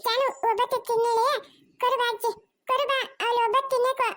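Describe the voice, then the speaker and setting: A performer voicing a small grandchild who whines and insists, in an amateur family drama. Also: female voice, very high voice, little pitch movement, quick pace, fairly bright tone, dry recording, clean studio sound. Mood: pleading. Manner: whiny, insistent. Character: pleading little grandchild.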